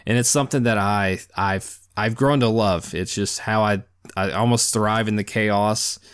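A man in his thirties hosting a podcast, talking casually and rambling in an even-keeled, down-to-earth way with lots of fillers. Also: fairly low pitch, unhurried, clean tone. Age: 30s. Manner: laid-back, even-keeled, self-described down-to-earth; rambling with many fillers and restarts. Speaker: podcast host. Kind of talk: casual solo monologue.

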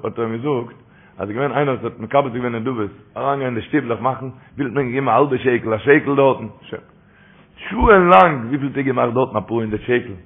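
A man's voice: medium pitch, vocal fry, breathy edge. A man giving a religious talk with stories, repeating his phrases as he tells them. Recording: tinny phone-line recording.

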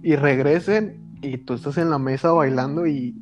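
A man's voice: fairly high pitch, normal speed. A young man, chatting with friends on a call and acting out imagined scenes and their quotes. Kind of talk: casual chat among friends on a call. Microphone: video call. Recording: dull lo-fi call audio. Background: guitar music.

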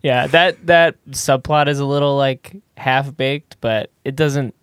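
A man's voice: mid-range voice, steady tone, a little slow, fairly bright tone, clear, resonant tone, no room sound, clean studio sound. A man co-hosting a podcast, chatting about a movie in an easygoing, agreeable way, often restarting his sentences. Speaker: podcast co-host. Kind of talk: casual movie review chat.

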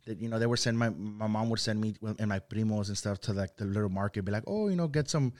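Fast and a little mellow, a young man with a fairly low voice guests on a podcast. Originally from Mexico with Spanish as his first language, he rambles casually, filling his talk with "you know" and "like."

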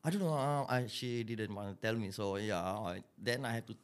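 A man's voice: lowish voice, normal speed, clean tone. Malaysian man in colloquial Singlish-style podcast chat.

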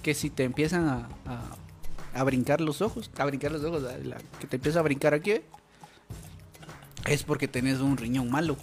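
A man's voice: mid-range voice, normal speed, soft background music. A man co-hosting a live online show, chatting casually in a playful, teasing way with lots of laughter. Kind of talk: casual chat.

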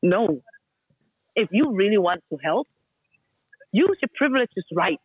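On a dull, muffled call line with no room sound at all, a woman chats casually in English with non-native grammar. Her mid-range voice is slightly rough, a little slow, with big pitch swings, and the recording is dry. Blunt and forceful, she repeats short commands over and over to drive each point home.

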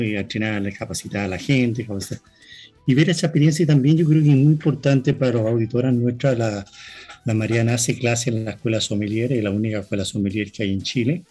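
Fast, dark-voiced courteous man. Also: mid-range voice. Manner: courteous, long-winded questions. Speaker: co-host. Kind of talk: casual interview talk.

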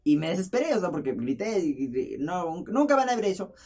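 A man's voice: high voice, fairly quick. A young man hosting his own show, telling stories in a jokey, self-mocking monologue to a camera in his bedroom. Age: young adult. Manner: jokey, self-mocking, lively storytelling with laughs. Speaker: podcast host. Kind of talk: casual rambling monologue. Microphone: camera's built-in mic, close up.

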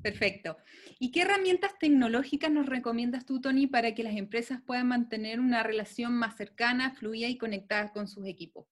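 Woman host, slightly high voice. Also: brisk. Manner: brief formal questions. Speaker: interview host. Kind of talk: online live interview.

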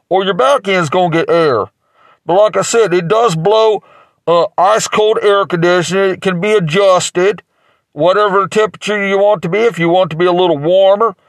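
A man's voice: high-pitched, no room sound. A man improvising a rambling mock infomercial as a salesman, with crude jokes and lots of fillers. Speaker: comic playing a mattress salesman.

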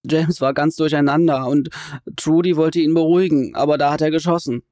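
A woman reading an audiobook, voicing a shaken grown man whose voice breaks as he speaks haltingly. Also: low voice, steady tone, warm tone, no echo, studio quality, lightly acted. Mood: distraught. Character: shaken grown man, grief-stricken neighbour.

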